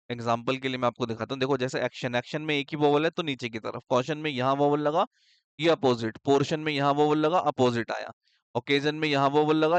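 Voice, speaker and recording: Male tutor, pitched a bit high, talks through rules casually and keeps checking in with the class. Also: smooth, dry recording. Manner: asks pupils questions and answers them himself, checks with "thik hai?". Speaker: shorthand teacher. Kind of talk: casual explanatory lecture.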